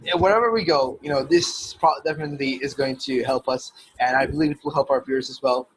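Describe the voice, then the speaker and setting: A man's voice: mid-range voice, fast talker, slight background noise, rough recording. A young man hosting a casual podcast interview, talking in an earnest, rambling way and often restarting his sentences. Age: young adult. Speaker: podcast host.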